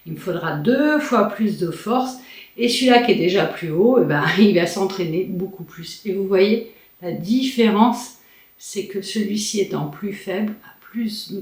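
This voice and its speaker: A woman's voice: on the low side, darkish tone. A woman explaining exercises as a face yoga instructor, informal and chatty in her delivery. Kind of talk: explanatory tutorial talk. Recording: roomy echo, distant mic, music.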